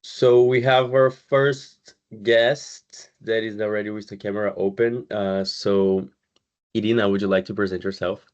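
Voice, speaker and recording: Low-voiced man hosting an online webinar. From Brazil. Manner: relaxed, conversational, pauses often with "uh" and "um". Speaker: community manager hosting a webinar. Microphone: video call. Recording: slightly muffled video call audio.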